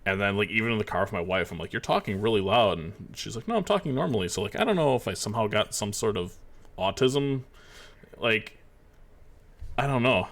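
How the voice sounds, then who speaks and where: A man's voice: on the low side, expressive, normal speed, long pauses, a bit bright. A man casting a live esports match, chatting in a rambling, casual way over a stream mic. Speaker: esports caster.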